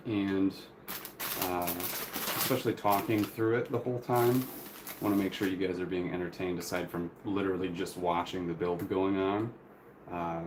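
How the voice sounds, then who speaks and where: A man hosting a casual, unscripted live stream, talking in a rambling, apologetic way as he works with his hands. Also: sits low. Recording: clear noise, crinkling plastic and paper. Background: crinkling bags and paper rustle.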